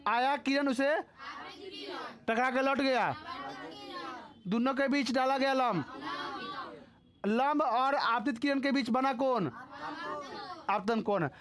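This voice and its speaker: A man's voice: extremely high pitch, takes it slowly, pauses often, crowd noise. Bihari-accented male physics teacher. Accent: Bihari Hindi. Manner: repeatedly quizzes students, scolds and teases them. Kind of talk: live classroom lecture. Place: classroom.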